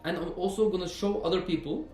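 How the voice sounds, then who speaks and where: Brief: man, 20s, personal trainer vlogging; earnest, repetitive, high voice over faint background music. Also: quick pace, darkish tone, reverberant. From Norway. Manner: earnest, repeats himself, frequent "you know". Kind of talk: earnest fitness vlog monologue.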